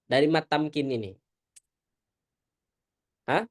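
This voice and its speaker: A woman teaching Quran recitation in an online lesson over a video call, animated, often asking whether students understand and reciting Arabic slowly. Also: deep voice, dry recording, studio quality.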